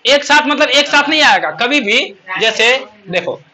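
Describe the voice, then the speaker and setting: A male English teacher runs a classroom lesson. His voice sits high and sounds bright. He keeps asking his students questions as he explains each point. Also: animated, a little slow, poor audio.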